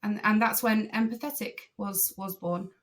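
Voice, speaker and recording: A woman guest on a podcast, a driving instructor trainer, telling her story in a casual, animated way and acting out what people said. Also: medium pitch, normal speed. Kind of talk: casual interview chat.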